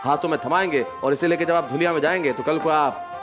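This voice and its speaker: A man's voice: fairly high pitch, fast. A man, effusively hosting a comedy poetry show and praising performers. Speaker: stage show host. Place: stage show before a live audience. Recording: loud music and audience behind stage mic.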